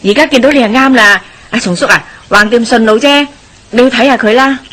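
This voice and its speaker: In a radio drama, an actress plays a warm, nosy middle-aged village wife who speaks with a Hong Kong Cantonese accent. Her female voice is brisk and slightly high, full of gossip and exclamations, and she comes across as chatty and solicitous.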